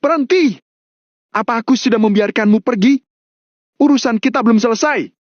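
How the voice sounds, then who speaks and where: A young man in a fury, his voice pushed up high into shouting, as a man reads him out. He bellows every line. The sound is dry and a little dull. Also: moderate pace, no room sound. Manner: shouting, raging. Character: furious young man with a knife.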